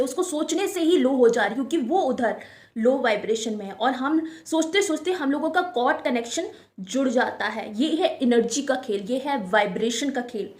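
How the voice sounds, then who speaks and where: A woman's voice: sits high, roomy sound. A woman speaking in a casual, coaxing way, giving spiritual advice about energy and relationships and repeating her points often. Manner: repetitive, coaxing, addresses listeners as friends.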